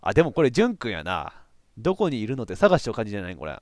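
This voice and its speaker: A man with a giving excitable let's play commentary on a horror game, reacting loudly and laughing often. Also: lowish voice, racing, no room sound, clean studio sound. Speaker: VTuber game streamer.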